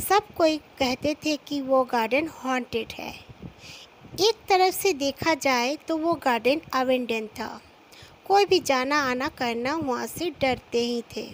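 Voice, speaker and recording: Woman reading out a spooky story, high voice, takes her time, little hiss behind. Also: low-quality recording. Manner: slow, unhurried retelling with quoted lines. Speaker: horror story narrator. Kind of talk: storytelling narration.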